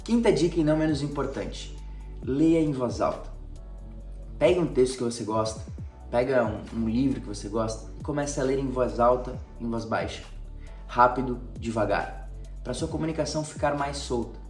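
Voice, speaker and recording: A man's voice: mid-range voice, moderate pace. A man, a sales coach who teaches by listing numbered tips and giving everyday examples. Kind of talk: spoken sales tips to camera. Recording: roomy echo, distant mic, faint music.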